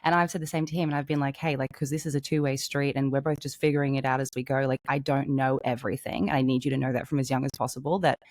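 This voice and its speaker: A woman's voice: rumbling low, flat delivery, darkish tone, no echo. A woman, co-hosting a casual chat and speaking frankly with casual swearing. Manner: frank, swears casually, talks through stories in quick bursts. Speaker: podcast co-host.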